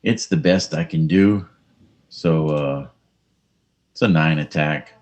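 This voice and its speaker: A man's voice: rumbling low, slow, a little mellow, highs cut off. A man playing a tabletop miniatures game, calling out his moves in casual chat and joking to his pieces.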